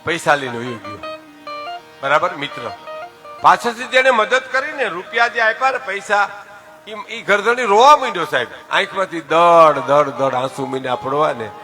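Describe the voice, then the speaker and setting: An older man from telling a folk tale, addressing his listeners directly and swinging between soft asides and loud exclamations. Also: a little high, moderate pace, over music. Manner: lively storyteller, often addresses listeners as "saheb". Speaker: folk storyteller.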